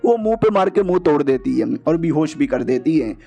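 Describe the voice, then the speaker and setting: Guy with a high mellow voice doing a jokey slangy comic recap, faint music under it. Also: animated, creaky. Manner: chatty, slangy, jokey, voices the characters in quick asides. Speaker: manhua recap narrator. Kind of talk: casual comic story recap.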